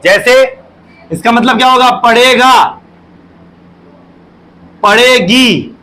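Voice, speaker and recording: A male teacher with a Hindi accent, giving a classroom grammar lesson and dictating sentences slowly with repetition. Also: very high voice, pushed and bright, rough recording. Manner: slow, drawn-out dictation with repetition.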